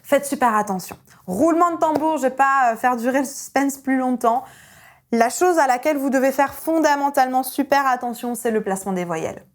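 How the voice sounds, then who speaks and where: A young adult woman teaching an online singing lesson as a vocal coach, energetic and emphatic. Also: sits high, fairly quick. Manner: energetic and emphatic, with sung vowel demonstrations.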